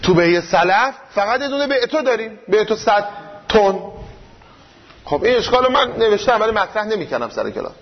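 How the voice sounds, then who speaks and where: A man lecturing a seminary class, his high voice rising and falling a great deal as he works through an argument. He poses questions and answers them himself. The recording sounds a little dull and lo-fi. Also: sing-song. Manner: explanatory, rhetorical questions, swings up and down in pitch. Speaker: teacher of Islamic jurisprudence.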